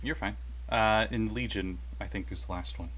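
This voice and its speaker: A man's voice: fairly low pitch, steady tone, moderate pace, fairly bright tone. A man narrating a casual tabletop game as game master, playfully slipping into rhyming couplets.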